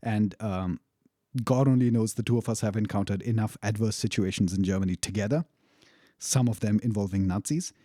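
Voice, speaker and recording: A man's voice: on the low side, brisk, mellow, no echo, studio quality. A young man casually telling a personal story, candid and profane, laughing now and then. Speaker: storyteller recounting a travel experience.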